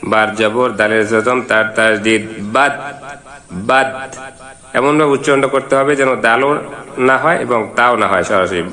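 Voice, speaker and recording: A man teaching Quran reading. He spells out letters and vowel marks one at a time, then chants each verse in slow, drawn-out syllables. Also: mid-range voice, sharp tone, echoey room. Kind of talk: step-by-step recitation lesson.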